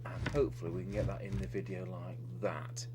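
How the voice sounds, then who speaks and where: At his workbench, an electronics repair presenter talks a little fast in a low voice, thinking aloud through an unscripted, methodical technical demonstration. Throughout, a steady electrical hum and noise make the recording clearly noisy.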